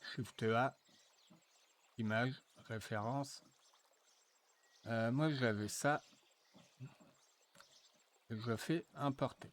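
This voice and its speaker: A man walking viewers through a software tutorial, thinking aloud with frequent fillers and restarts. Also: mid-range voice. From France. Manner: slow, hesitant, thinking aloud with many fillers. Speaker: tutorial presenter. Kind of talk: screen-recorded software tutorial.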